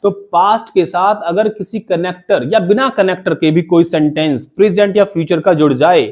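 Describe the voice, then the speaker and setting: A man's voice: high voice, normal speed. A man teaching an English grammar lesson to a classroom of students, repeating key terms and asking the class to say them back. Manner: call-and-response questioning, repeats key terms.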